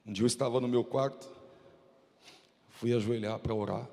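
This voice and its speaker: A man's voice: mid-range voice, steady tone, normal speed, creaky, a little mellow. A man with a Brazilian Portuguese accent preaching a fervent, dramatic sermon as a pastor in a church. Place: church sanctuary. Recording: reverberant church hall.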